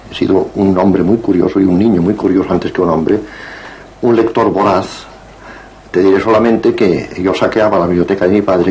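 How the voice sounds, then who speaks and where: A man in his sixties from Barcelona talks slowly through his memories as an interview guest, pausing and restarting as he searches for words. His voice sits low and mellow. A faint hiss of noise sits behind him. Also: low-quality recording. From Barcelona, Spain. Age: 60s. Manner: measured and digressive, with frequent hesitations. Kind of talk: reflective interview conversation.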